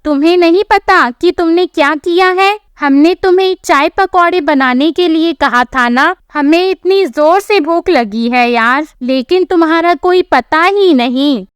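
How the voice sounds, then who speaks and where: A woman's voice: very high-pitched, unhurried, hardly any pauses, no room sound, clean studio sound. A woman doing a grumpy young husband. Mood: angry. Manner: scolding, exasperated. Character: young man, irritable hungry husband.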